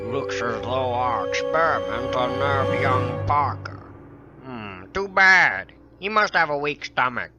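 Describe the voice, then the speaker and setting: An actor playing a formal, encouraging science teacher in a hammy dramatic reading, lecturing and a little pompous. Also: male voice, mid-range voice, animated, takes it slowly. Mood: formal, brisk. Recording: slightly dull sound, music behind.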